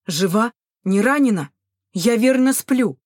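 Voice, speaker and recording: Female narrator doing eager young male guard, loud and earnest, audiobook. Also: mid-range voice, moderate pace, dry recording, clean studio sound, close to an everyday voice. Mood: excited. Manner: loud, exclaiming and pleading.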